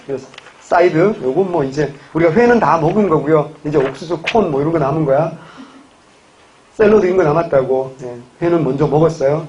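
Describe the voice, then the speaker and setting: Joking lecturer, a man with a high voice. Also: darkish tone, muffled recording, slight background noise. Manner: chatty, joking asides to students. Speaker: civil service exam history lecturer. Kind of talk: classroom lecture.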